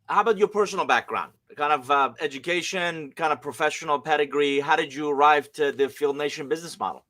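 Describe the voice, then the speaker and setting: A middle-aged man with a bright, forceful voice hosts a live podcast interview, introducing his guest and asking questions with energy. His voice sits a little high for a man and is recorded close and dry, with no room sound. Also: fast, no room sound. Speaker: podcast host.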